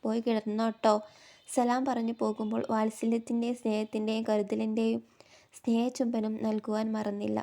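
Woman narrator, audio novel, flat mellow delivery, fairly high voice. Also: moderate pace, vocal fry.

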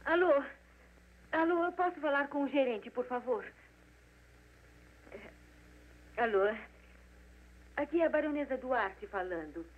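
An actress dubbing an anxious, suspicious baroness in an old film, stammering and hesitant. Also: female voice, high-pitched, expressive, slow, long pauses. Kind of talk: 1940s Brazilian Portuguese film dub. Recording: tinny old film dub with hiss.

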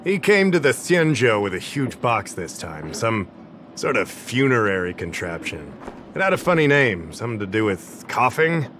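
An actor playing a friendly, somewhat scatterbrained official in a video game, casual and easygoing. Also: male voice, medium pitch, very animated, moderate pace, a bit bright, a little hiss or hum. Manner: casual and easygoing, a bit forgetful. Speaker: game character.

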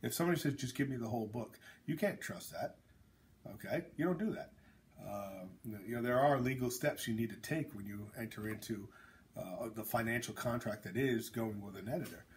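Man, casual podcast talk, blunt, joking, rambling, mid-pitched voice, faint hiss. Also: normal speed. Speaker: author and host.

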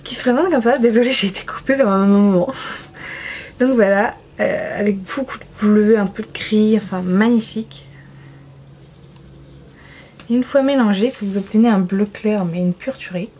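A woman's voice: mid-range voice, normal speed, long pauses, darkish tone, slight background noise. A young woman from France chatting casually through a makeup swatch review, enthusiastic and self-mocking. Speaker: beauty vlogger.

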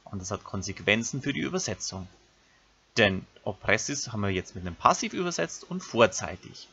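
A lower-pitched man teaches a recorded grammar lesson, walking his pupils through each step. His voice is husky yet bright and forceful. The recording sounds dull and lo-fi. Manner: explains step by step, addressing pupils directly. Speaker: Latin teacher.

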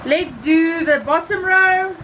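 High-pitched South African woman, noisy recording. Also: slow pace. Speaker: beauty vlogger. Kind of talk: casual product review. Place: small room indoors. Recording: clearly noisy home recording, ambient hum.

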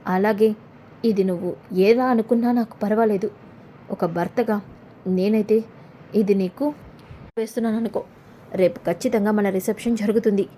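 A woman's voice: mid-range voice, steady tone, moderate pace, long pauses, warm tone, a little hiss or hum, close to an everyday voice. A woman voicing a young husband and father in a retold serial, speaking firmly and reassuringly.

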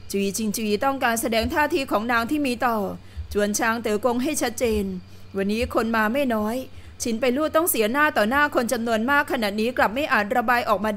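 Woman, audiobook narrator, calm steady reading, slightly high voice. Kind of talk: scripted narration.

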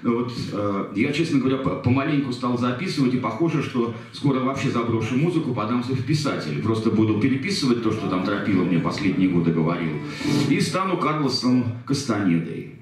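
A man's voice: mid-range voice, animated. A middle-aged man performing songs with a guitar in a small jazz bar, talking in a rambling, hesitant way between verses. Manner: rambling fast spoken intro with hesitations, then sung verses. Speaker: singer-songwriter with guitar. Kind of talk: live song performance with spoken intro. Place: small jazz bar in front of a seated audience. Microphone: stand mic, filmed by a far camera. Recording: live room echo with loud band.

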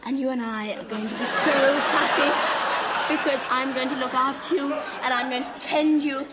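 Actress playing a wife gushing at a plant. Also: female voice, high voice, steady tone, normal speed, over a noisy crowd, lightly acted. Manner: gushing, theatrical tenderness. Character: reluctant wife, gushing over a seedling. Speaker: actress in a sitcom clip. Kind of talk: 1980s sitcom acting. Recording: old TV clip with loud noise.

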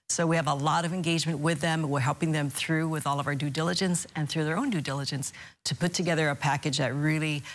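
A middle-aged woman, a state official, giving an upbeat, measured update in a TV studio interview. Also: low-pitched, gravelly. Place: TV news studio.

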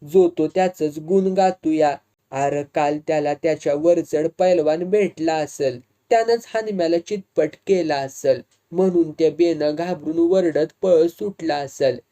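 A man voicing a drunken, needling village loafer who mocks and flatters in rough rustic speech. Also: a little high, unhurried, lightly acted. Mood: mocking.

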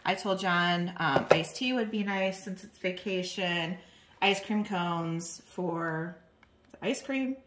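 A woman's voice: fairly low pitch, slow pace, fairly bright tone. Woman chatting through a grocery haul at home, casual, lists stuff, lots of um's. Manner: chatty, lists items with fillers. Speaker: channel co-host. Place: home kitchen, indoors.

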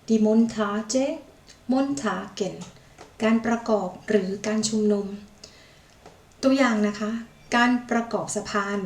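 A woman teaching a vocabulary lesson, saying each foreign word slowly, repeating it, and adding polite particles. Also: fairly high pitch, a little mellow. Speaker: language teacher. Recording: echoey room, mic far off.

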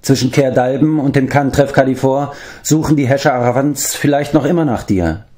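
A man's voice: mid-range voice, brisk, mellow, pitched above the performer's own voice, natural voice. A man voicing an earnest young male helper who speaks in an eager, respectful way. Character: earnest young male assistant pig-keeper.

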